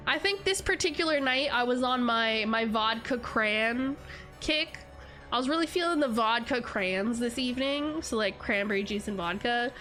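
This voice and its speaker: With a bright, forceful voice on the high side, a young woman streamer chats casually with viewers and reads their comments. Her allergies leave her stuffy and congested, and she rambles and giggles, saying "like" often.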